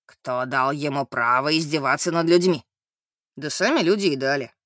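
A man voicing a world-weary, sage-like man in an audiobook, calm and philosophical. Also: fairly high pitch, normal speed, no room sound, studio quality, close to an everyday voice. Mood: wry. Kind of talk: audiobook character reading.

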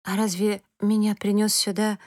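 A drowsy, otherworldly little girl who speaks softly and slowly, close to a whisper, as a woman reader puts her on. Her voice is dry and near, with no room sound. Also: mid-range voice, level tone, no echo, close to an everyday voice. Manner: soft, slow, drowsy, half whispering. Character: dreamy sleepy magical girl, soft-spoken.

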